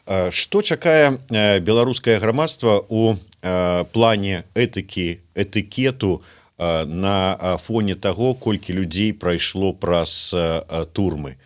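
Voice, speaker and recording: A man with a fairly low voice asks long interview questions. He hesitates a lot and fills the gaps between his words with drawn-out filler sounds.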